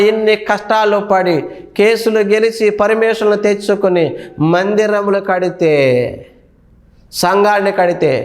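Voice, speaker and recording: High-voiced preaching man. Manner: rhythmic repeated phrases, mimics congregants. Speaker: pastor. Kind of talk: sermon.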